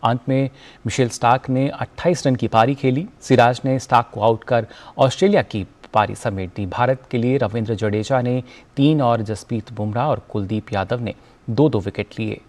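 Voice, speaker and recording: Male news anchor, formal scripted read, measured and even. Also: mid-range voice.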